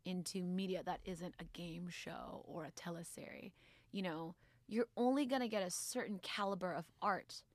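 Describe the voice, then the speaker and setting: A woman's voice: on the low side, normal speed, no room sound. A woman comic book writer chatting casually as a podcast guest, laughing often and dropping her voice when she gets controversial. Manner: animated, laughs often, drops to near-whisper when getting controversial.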